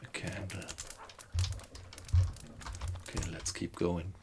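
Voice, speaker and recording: A man's voice: deep voice, little pitch movement, slow, slight background noise. A man giving casual gameplay commentary, musing to himself and asking himself questions as he goes. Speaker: gaming video host.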